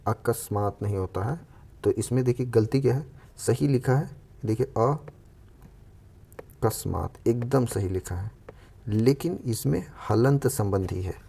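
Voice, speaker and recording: Gravelly-voiced man teaching spelling. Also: medium pitch, dark tone, a little hiss or hum. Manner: explains step by step, repeats each word slowly. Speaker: Hindi exam coach. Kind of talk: spelling lesson for exam aspirants.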